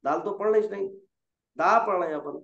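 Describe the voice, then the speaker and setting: This brisk, gravelly, high-pitched man gives patient Quran reading lessons over a call, stretching out every letter and encouraging his student onward. Corrections come gently, with repetition until the point lands. The sound is roomy and a bit dull, in a lo-fi way.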